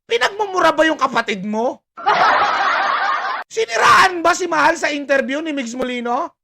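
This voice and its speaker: A man with a strikingly high, gravelly voice delivers a taunting livestream rant, laughing through nearly every line. His pitch leaps around animatedly, and a loud wash of background noise sits under him. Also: lively intonation, moderate pace. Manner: laughing, taunting, swears freely. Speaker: livestreaming vlogger.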